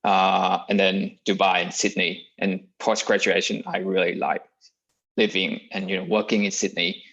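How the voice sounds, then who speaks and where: Young Vietnamese-accented man, gravelly and low. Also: flat delivery, normal speed, a bit bright, lo-fi sound. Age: young adult. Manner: hesitant, many fillers, earnest. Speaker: MBA applicant.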